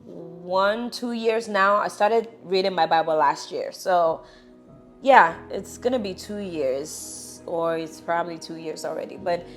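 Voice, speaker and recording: A woman's voice: fairly low pitch, a little slow, soft background music. A young woman with a Nigerian accent, chatting casually and encouragingly as she walks through her Bible study tips. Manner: chatty, encouraging, lively asides. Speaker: vlogger.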